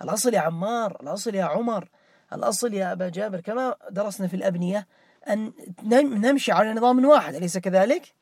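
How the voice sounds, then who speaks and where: A man's voice: high voice, quick pace, darkish tone, no echo. A man teaching morphology, questioning students by name and repeating key words as a drill. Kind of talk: interactive grammar lesson.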